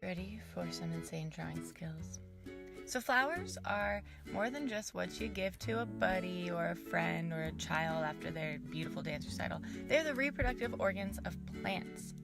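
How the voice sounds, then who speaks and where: Bright, curious young woman hosting science. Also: fairly low pitch, animated, normal speed, creaky, over loud music. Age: young adult. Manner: bright, curious, enthusiastic, chatty. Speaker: science show host. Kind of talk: casual educational science presenting to camera. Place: outdoors in a backyard.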